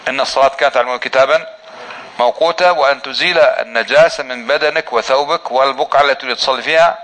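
A man teaching a religious lesson on prayer, asking his listeners questions and answering them himself, and slowly drawing out the phrases he demonstrates. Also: medium pitch, sharp tone, rough recording. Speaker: Islamic teacher.

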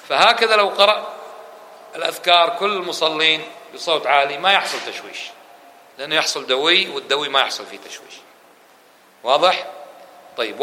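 Brisk bright-voiced man teaching a religious lesson. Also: a little high. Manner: questions listeners and answers himself; fast, lively delivery that drops to quick murmured dhikr runs. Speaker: Islamic scholar teaching a lesson. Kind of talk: religious lesson to a mosque audience. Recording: echoey room with faint hum.

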